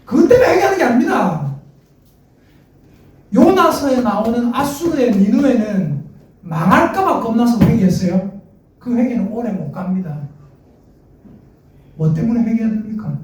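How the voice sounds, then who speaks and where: Man in his thirties, lively preaching, mellow tone, echoing sanctuary heard from afar. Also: extremely high pitch, moderate pace, long pauses. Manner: animated, playful, quotes his child and God in acted voices. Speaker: pastor. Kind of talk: sermon. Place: large church sanctuary. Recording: echoey sanctuary, distant mic.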